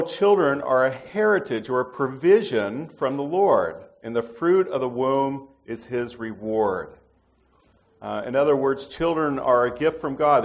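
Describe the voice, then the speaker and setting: A middle-aged man preaching a sermon in a conversational way, pausing with fillers and restarting his sentences. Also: medium pitch.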